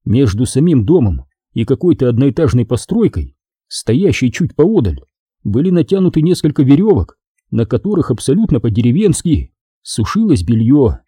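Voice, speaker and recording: A male audiobook narrator reads a story expressively. His voice is dark and husky, with lively swings of pitch. The recording is dry, with no room sound at all. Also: normal speed, no room sound. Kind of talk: scripted narration.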